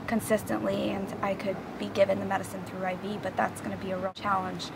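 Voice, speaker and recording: A woman's voice: medium pitch, monotone, quick pace, vocal fry, heavy background noise. A woman in her twenties, talking frankly and with exasperation to the camera in a personal vlog, recorded outdoors on a camera mic. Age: 20s. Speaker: vlogger. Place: outdoors on a yoga mat.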